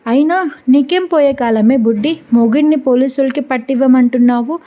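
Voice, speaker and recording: A woman's voice: sits high, normal speed, highs cut off, lightly acted. A woman voicing a nosy older neighbour auntie who pries and scolds in a storybook reading. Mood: scolding. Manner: prying and scolding.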